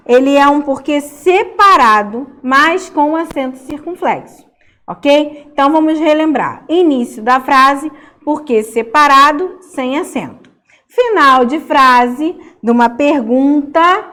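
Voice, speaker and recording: A woman's voice: sits high, a bit bright. A young woman teacher giving a recorded Portuguese class to children, explaining in a sing-song way and checking in often with "ok?".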